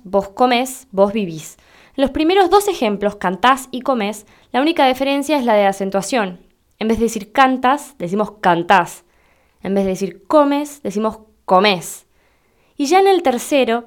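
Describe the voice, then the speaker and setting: A woman with an Argentine Spanish accent giving a slow, deliberate explanatory lesson, spelling things out for her listeners. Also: on the high side, darkish tone. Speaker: Spanish teacher.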